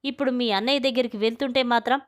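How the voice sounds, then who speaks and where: A woman's voice: a little high, steady tone, very fast, natural voice. A woman voicing an angry young man who defends his mother in a family quarrel. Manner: heated, reproachful.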